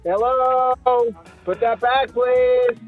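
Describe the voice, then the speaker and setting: A man's very high, husky voice calls out through a doorbell speaker. His words come tinny and thin over the small device, as though shouted from somewhere else. Faint music sits underneath. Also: steady tone, very slow. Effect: heard through a doorbell speaker. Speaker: homeowner.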